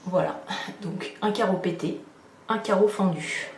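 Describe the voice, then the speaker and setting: Here the same kind of bathroom-renovating woman chats to the camera, her medium-pitched voice running a little slow. Background noise and room echo surround her casual vlog talk, which is full of fillers, restarts and irritation.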